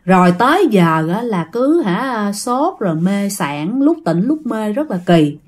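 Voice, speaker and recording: A woman casually telling a ghost story, chatty and addressing her listeners directly. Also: medium pitch.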